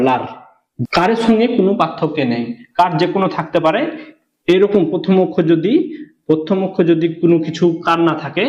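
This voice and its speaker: Patient man teaching beginner reading. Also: fairly high pitch. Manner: slow and patient, asking questions then answering them. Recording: echoey room, dull lo-fi sound.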